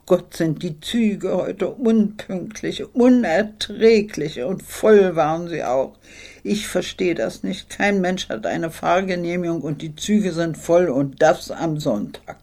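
A woman's voice: lowish voice, slow, warm tone, voice pushed up. A woman reading an audiobook, voicing an imperious older society mother who complains theatrically. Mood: grandly fussing.

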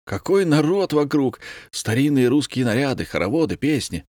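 A man's voice: medium pitch, sing-song, normal speed, darkish tone, no room sound, clean studio sound, voice pushed up, lightly acted. A man voicing a delighted man in his forties. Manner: delighted, boastful. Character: cheerful forty-year-old man reporting his trip.

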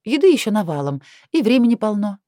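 A woman voicing a feisty, sharp-tongued young heroine who speaks sarcastically. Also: medium pitch, sing-song, quick pace, no echo, clean studio sound, pitched above the performer's own voice, close to an everyday voice. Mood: playful. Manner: sarcastic, emphatic.

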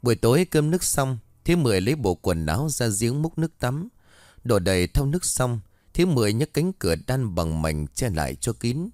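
A male storyteller narrates a scripted ghost story, his pitch rising and falling lively across a middle register. The recording is close and dry, with no room sound. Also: a little fast, dry recording. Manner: dramatic, expressive reading.

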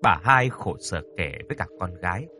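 A man narrating a ghost story in a scripted, expressive and dramatic storytelling style. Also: deep voice, normal speed, soft background music.

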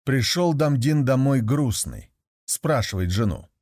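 A man's voice: medium pitch, lively intonation, measured pace, darkish tone, dry recording. Man telling a folk tale, dry sound. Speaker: narrator.

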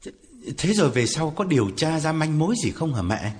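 A man's voice: fairly high pitch, big pitch swings, brisk, darkish tone, voice pushed up. A man voicing an eager young adult son who asks impatient, stammering questions. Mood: anxious. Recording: reverberant with background music.

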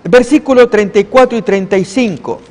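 A man preaching a sermon, retelling a story with lively voices for each character and reading scripture aloud. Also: sits high, brisk, long reverb tail. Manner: animated storytelling, acting out the characters' lines.

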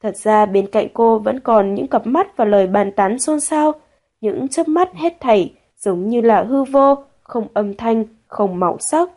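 A woman narrating a romance novel as an audiobook, in a steady, measured storytelling manner. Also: a little high.

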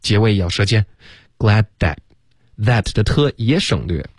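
A man's voice: on the low side, very animated, takes it slowly, breathy edge, no room sound, studio quality. A male teacher on a radio English lesson who drills sounds by repeating them and mixes English into his Chinese.

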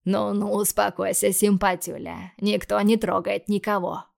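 A female narrator voices a crude male debt collector in an audiobook, lowering into a slow, taunting, gravelly drawl meant to menace. Her delivery is flat with a darkish tone and a menacing sneer.

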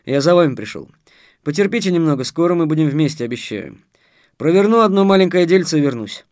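A man's voice: on the high side, animated, fast, darkish tone, no room sound, studio quality, voice pushed up. A male reader voicing a determined young man who talks in a wry, reassuring way.

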